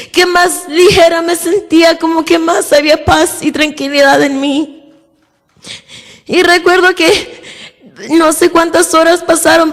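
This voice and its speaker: High, gravelly woman giving church testimony. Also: in a large hall. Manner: slow and halting, with many repeated openings. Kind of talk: personal religious testimony.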